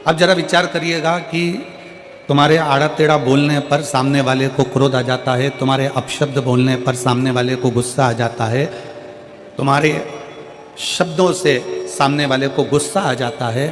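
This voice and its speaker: A man's voice: medium pitch, steady tone, normal speed. A man from central India preaching a devotional sermon to a live crowd, repeating each point and asking the listeners questions. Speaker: religious storyteller. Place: large live religious gathering. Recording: long reverb from a large venue PA with music behind.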